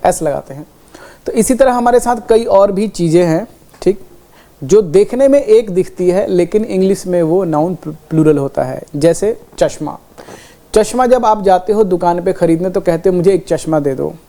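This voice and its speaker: A woman with a low-leaning, mellow voice teaches an English grammar lesson in a classroom, using everyday examples. She says "ठीक है" again and again to check in, and slows right down to spell out the English example sentences.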